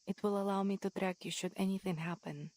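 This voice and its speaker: A woman's voice: mid-range voice, steady tone, a little fast, a little mellow, natural voice. A woman voicing a composed, protective military lieutenant in a video game, speaking formally and with measure. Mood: composed, caring. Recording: music over game dialogue.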